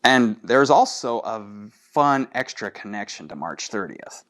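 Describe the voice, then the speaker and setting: Slow-paced, smooth-voiced man chatting to listeners. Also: fairly low pitch, lively intonation, a bit bright. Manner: chatty, addresses listeners with rhetorical questions. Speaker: podcast host. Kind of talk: casual monologue to listeners, fan trivia.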